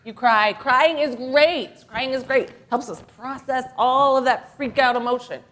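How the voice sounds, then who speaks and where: A woman minister leads a children's segment in a worship service. Her voice sits high and light, and she sounds playful and animated. She draws the kids in with questions and gentle encouragement. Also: a little slow. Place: church sanctuary.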